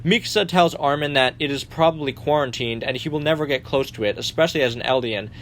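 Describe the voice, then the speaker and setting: Young man, commentary host, sardonic, swears now and then, mid pitch, faint noise. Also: quick pace, fairly bright tone. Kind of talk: narrated fan rewrite summary.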